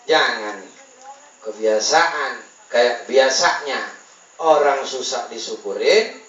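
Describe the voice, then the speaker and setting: A man, preaching a lively sermon with jokes to a gathering and calling for answers from the crowd. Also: takes it slowly. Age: 50s. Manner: booming, jesting crowd call-and-response. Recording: very echoey, far-off, muffled, loud hum.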